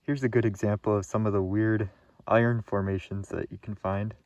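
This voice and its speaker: Casting: young adult male vlogger, low laid-back voice, casual commentary, dry close sound. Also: flat delivery, fairly quick, darkish tone, dry recording, highs cut off. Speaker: rock hunting vlogger. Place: outdoors in a yard and rock field, or inside a parked van. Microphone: phone at arm's length.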